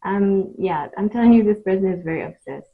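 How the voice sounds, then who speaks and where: A woman giving an improvised mystical tarot reading straight to the viewer, speaking in short, halting phrases with pauses between them. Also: medium pitch, phone-quality sound. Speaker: tarot card reader hosting readings.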